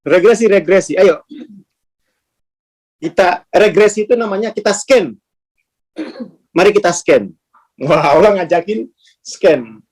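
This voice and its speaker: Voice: medium pitch, animated, measured pace, long pauses, darkish tone. A spiritual teacher giving an informal class, talking casually, posing rhetorical questions and acting out quoted speech.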